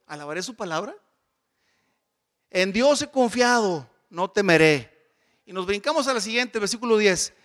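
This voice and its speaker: A man's voice: high-pitched, fairly bright tone. A man teaching a Bible study class, explaining patiently and often checking in with his listeners.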